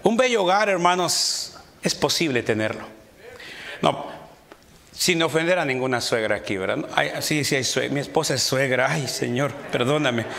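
A middle-aged man preaching a sermon in church, rising to shouts and peppering his talk with amens. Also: mid-range voice, lively intonation, normal speed, vocal fry, a little hiss or hum. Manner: mimics quarrelling voices in his anecdotes. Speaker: pastor. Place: church sanctuary.

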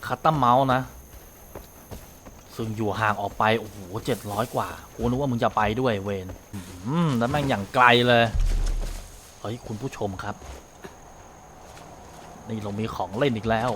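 A young man commentating a video game, talking to his viewers, often shouting and swearing. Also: medium pitch, normal speed, pauses often. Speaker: gaming streamer. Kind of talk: excited Let's Play commentary. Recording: game sounds and noise behind.

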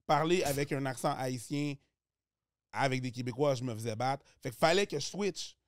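A man's voice: mid-range voice, normal speed, no room sound, studio quality. A man with a Quebec French accent, a comedian guest talking casually and animatedly, slipping into other voices and accents as he explains. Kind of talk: casual podcast chat.

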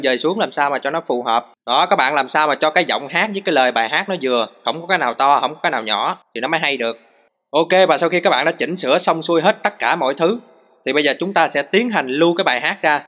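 A man talks through a screen tutorial one small step at a time. His voice sits a bit high and sounds bright and forceful. He keeps his delivery patient and peppers it with short pointing cues. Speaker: host of a phone recording tutorial channel.

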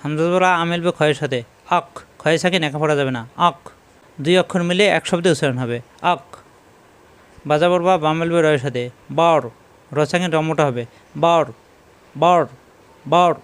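A man teaching Quran reading, giving slow step-by-step lessons and repeating each sound several times. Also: on the high side, clear, resonant tone.

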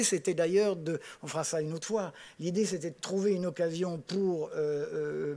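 A man's voice: a little high, a little mellow. An older man moderating from a stage table, giving an informal, digressive introduction with many restarts. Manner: digressive, hesitant, often restarting sentences. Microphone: gooseneck table microphone.

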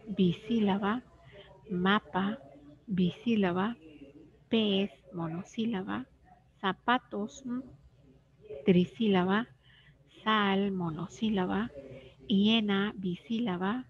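A woman teacher giving a scripted reading lesson for young children, pronouncing each word clearly and carefully. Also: mid-range voice, fairly even intonation, very slow, pauses often, lo-fi sound. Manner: clear, careful syllable-by-syllable pronunciation.

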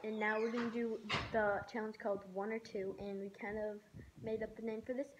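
A woman's voice: fairly high pitch, level tone, a little fast, dull audio. A teenage girl chatting casually as she presents a challenge in a home kitchen, recorded on a phone camera. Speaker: challenge vlogger. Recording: echoey kitchen, noisy handheld camera audio.

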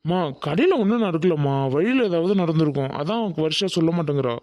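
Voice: medium pitch, expressive, fast talker, a little mellow, dry recording, highs cut off, close to an everyday voice. A performer voicing a teasing older brother in a cartoon, coaxing in a mock-sweet way. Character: teasing older brother, smooth-talking boy. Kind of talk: cartoon voice acting.

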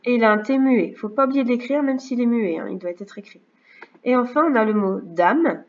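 A woman teacher giving a remote reading and maths lesson to young children, speaking slowly and clearly and often checking in with "d'accord?". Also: a little high. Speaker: first-grade teacher. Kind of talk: remote lesson narration over slides. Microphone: computer mic. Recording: slightly dull lo-fi sound.

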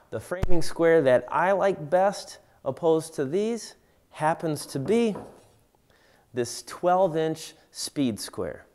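In a woodworking tutorial filmed indoors at his home shop, a man in his forties steadily and plainly explains the tools he demonstrates. His voice is fairly high in pitch with a darkish tone.

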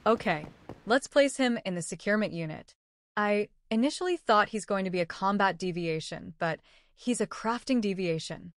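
A woman's voice: mid-range voice, expressive, normal speed, no room sound, studio quality. A woman narrating her own video game play as gameplay commentary. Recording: game music behind voice. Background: faint game music.

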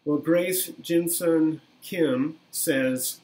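A man in his fifties preaching a sermon by webcam from a small room, in an earnest, measured way that repeats key phrases. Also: on the high side, darkish tone, low-quality recording. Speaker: pastor. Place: small plain room indoors. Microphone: webcam at desk, video recording.

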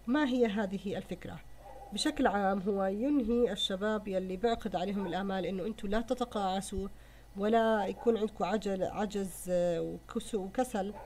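A woman's voice: medium pitch, dark tone. A woman teacher explaining a poem, mixing formal with everyday speech. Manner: mixes formal Arabic with colloquial explanation. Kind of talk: explaining a poem in an Arabic lesson.

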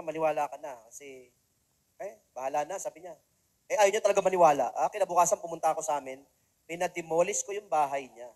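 A man's voice: a little high, darkish tone, rough recording. A young man giving a joking, self-deprecating testimonial speech to an audience. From Philippines. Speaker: motivational speaker.

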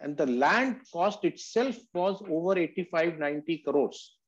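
A male valuation instructor, slightly high-voiced, expressive, and unhurried, teaches over an online group video call. He explains things emphatically and addresses people as "sir" during this Q&A-style lecture, heard through dull, lo-fi call audio.

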